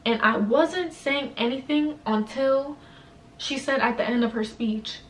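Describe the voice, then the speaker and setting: A young woman tells a story in loose, slangy chat, leaning on "like" and "you know." Her voice sits a little high. She is recorded in a roomy space from a few feet off, with faint noise in the background. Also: a little slow. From New York, USA. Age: young adult. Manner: slangy, chatty, heavy use of "like". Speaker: vlogger. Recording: roomy echo, mic at a distance, faint room noise.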